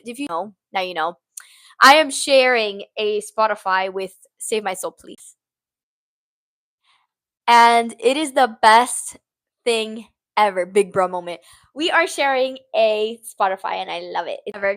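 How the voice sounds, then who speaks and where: A woman's voice: a little high, fairly bright tone. A young woman in her twenties hosting a casual podcast-style livestream, rambling and giggly, saying "like" often into a small mini mic at home. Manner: bubbly, rambling, giggly, says "like" a lot. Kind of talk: casual chat with live comments. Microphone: small handheld mini mic.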